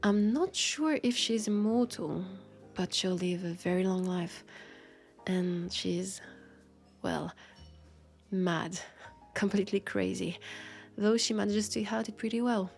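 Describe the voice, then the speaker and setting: Soft background music plays as a French-accented woman, her mid-range voice gravelly and slow, voices a vampire cop who is guarded but friendly. In this intimate, one-sided roleplay drama she speaks hesitantly and wryly, like she's sharing a confidence.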